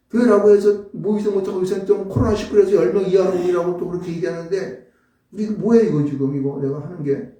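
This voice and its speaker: A man's voice: high-pitched, dark tone. A middle-aged male pastor preaching a sermon in a small church, talking conversationally and tossing in frequent rhetorical asides. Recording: very echoey room, voice far from the mic.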